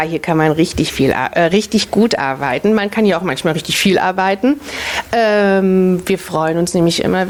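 A woman's voice: mid-range voice, a little mellow. Woman in her thirties, patient with children. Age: 30s. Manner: patient, child-directed, repeats children's questions back. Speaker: family office employee interviewed by children. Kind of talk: explaining simply to children.

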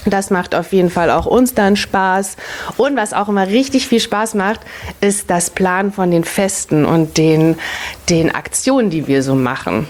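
In a lowish, darkish voice and an unhurried manner, a woman in her thirties from a city family office responds to kids' questions. She keeps her words simple and frequently restates the question before answering.

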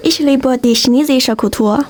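A woman's voice: high-pitched, moderate pace, a little mellow. A woman from China, a guest on a radio show, speaking careful learner's German.

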